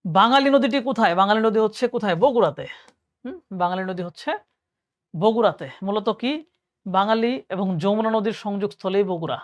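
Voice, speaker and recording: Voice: mid-range voice, brisk, dry recording. A young adult teacher with a Bangladeshi Bengali accent, reading exam questions aloud and answering each one step by step, often thinking aloud and correcting themselves. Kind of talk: admission exam lesson.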